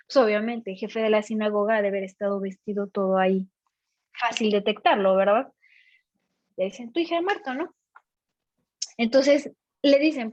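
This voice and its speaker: A woman with a high voice gives a chatty, informal Bible teaching and keeps checking that her listeners follow. The recording sounds dull and dry. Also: no echo.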